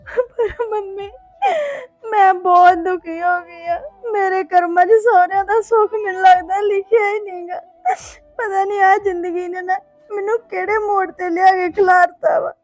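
A woman's voice: very high-pitched, fairly even intonation, a little slow, faint music behind. A young woman playing a heartbroken married daughter, pleading and sobbing through her words. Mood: tearful. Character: heartbroken young wife, worn down and despairing. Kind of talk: family drama acting.

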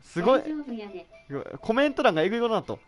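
Lively fast-talking Kansai woman streamer. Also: fairly high pitch, faint music behind. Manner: reads chat comments aloud and fires back teasing retorts. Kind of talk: casual live-stream chat.

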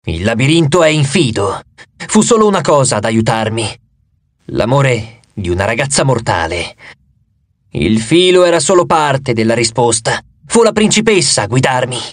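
A man voicing the weary ghost of a boy hero, speaking slowly in a dry, papery voice. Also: medium pitch, big pitch swings, no echo, pitched below the performer's own voice. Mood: solemn. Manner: slow, subdued delivery.

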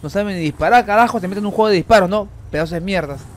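A man streaming a game, swearing a lot and talking loud and frantic. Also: sits high, very fast, a little hiss or hum. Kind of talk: casual gaming stream chat.

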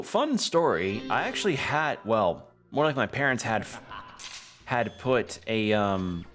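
A young man streams a game and chats off the cuff. His voice sits fairly low. He rambles, backtracks to rephrase and swears casually, with some music underneath. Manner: rambling, self-correcting, profane. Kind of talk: casual chat while playing a video game.

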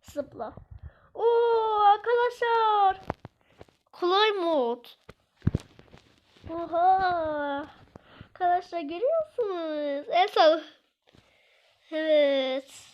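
A woman giving chatty let's-play commentary to her viewers, excitable and exclaiming, scolding the game aloud. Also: extremely high pitch, very slow, long pauses, dull audio, slight background noise. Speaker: gaming video creator.

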